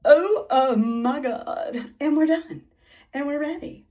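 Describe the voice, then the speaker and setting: Bubbly, excitable woman vlogger. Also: sits high, slow. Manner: excitable and bubbly, with sudden hushed asides. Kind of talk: casual vlog chat.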